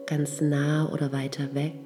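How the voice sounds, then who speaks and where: A woman leading a guided meditation, giving soft, calm instructions. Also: deep voice, a little slow, faint music behind.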